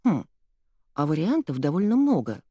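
A woman reading an audiobook, voicing a curious young boy who talks in a hushed, puzzled way. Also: deep voice, big pitch swings, moderate pace, breathy edge, no echo, studio quality, full character voice. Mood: musing.

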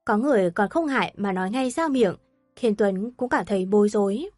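A woman narrating an audio story with steady, even storytelling. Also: medium pitch, fairly quick, no room sound, faint music behind.

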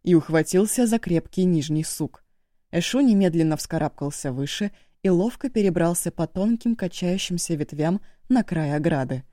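A woman's voice: fairly low pitch, expressive, normal speed, warm tone, no room sound. Woman narrating an audiobook, dry sound. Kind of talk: scripted narration.

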